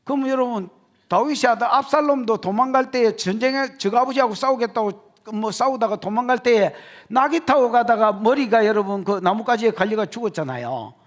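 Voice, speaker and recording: A man with a Gyeongsang Korean accent preaching an expository sermon as pastor, joking with the congregation and shouting his key points. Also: very high voice, a little fast. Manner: animated, jokey, shouts for emphasis.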